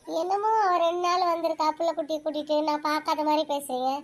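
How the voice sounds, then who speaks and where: Woman doing a very high-pitched scolding cartoon wife. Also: level tone, fast, natural voice. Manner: nagging, complaining, turns tearful. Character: shrill scolding wife, mother of two daughters. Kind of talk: cartoon family drama acting.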